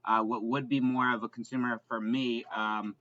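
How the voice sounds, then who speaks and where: A man's voice: mid-range voice, flat delivery, normal speed, pushed and bright, lo-fi sound, slight background noise. A man co-hosting a podcast in casual chat, rambling with lots of fillers and restarts. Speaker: podcast co-host.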